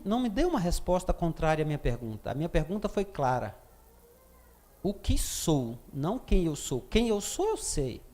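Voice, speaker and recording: Man, pastor, Brazilian Portuguese accent, high-pitched, sermon storytelling, acted dialogue. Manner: acts out dialogue, swings from loud to hushed.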